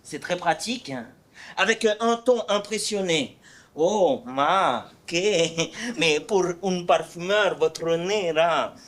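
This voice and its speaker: Brief: male actor as a boastful big-nosed poet swordsman on stage, high voice, slow and hesitant delivery. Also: fairly bright tone. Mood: mocking. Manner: proud, teasing, theatrical recitation with hesitant fillers. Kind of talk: amateur stage play performance.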